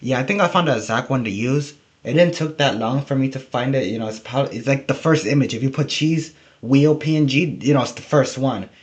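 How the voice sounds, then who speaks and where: A man's voice: medium pitch, a little fast, few pauses. A man giving casual, humorous, rambling video commentary, often interrupting himself, who says a w-like sound for r. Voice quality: trouble pronouncing R, says w-like sound for r. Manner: rambling, jokey, self-interrupting. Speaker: video host.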